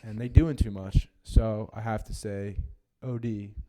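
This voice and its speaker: A man's voice: fairly low pitch, steady tone, unhurried, mellow. A young man from the northeastern United States co-hosting a podcast in casual chat, rambling and self-deprecating with lots of fillers. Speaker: podcast co-host.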